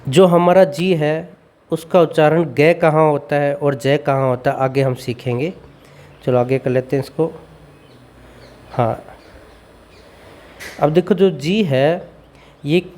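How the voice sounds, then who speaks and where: A man's voice: on the high side, a little mellow. A man teaching English pronunciation, reading word lists one by one and repeating his questions for the learner. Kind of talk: slow classroom phonics drill.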